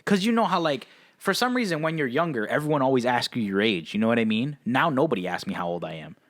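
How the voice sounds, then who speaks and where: A young man in his twenties chats casually on a podcast. His voice sits at an average pitch, and he talks in a relaxed way, laughs often and keeps coming back to the same phrases. The recording is dry and close. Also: quick pace, no room sound. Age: 20s. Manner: laid-back, laughs often, repeats "that's nuts". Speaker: podcast co-host. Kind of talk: casual chat.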